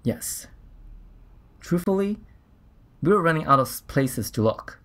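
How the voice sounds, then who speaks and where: A male actor portrays an earnest, shaken scientist from a Mars mission, recalling events haltingly and reflectively as though in a documentary interview. His voice is fairly high, expressive and fairly bright.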